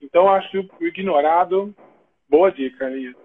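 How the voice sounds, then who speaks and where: A man's voice: high voice, a little fast, breathy edge. A man with a Brazilian Portuguese accent, hosting a live talk and telling stories in a casual chat. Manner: animated, acts out dialogue in his stories. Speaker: host of a live talk show. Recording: tinny phone-like line.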